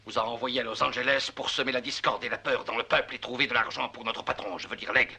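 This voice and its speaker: An actor playing a coldly authoritative, menacing magistrate in a dubbed period adventure series, speaking formally and sternly. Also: male voice, mid-range voice, steady tone, fast talker, gravelly, pushed and bright, breathy edge, heavily acted. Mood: stern reproach.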